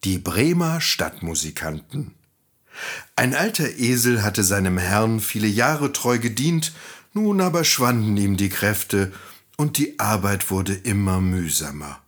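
A man reading a fairy tale aloud to children, in a gentle, expressive and friendly way. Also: fairly low pitch, measured pace.

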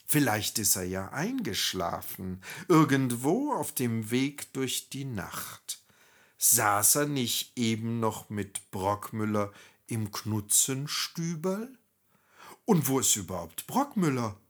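Male narrator, wry, animated storybook reading, mid pitch. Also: slow pace.

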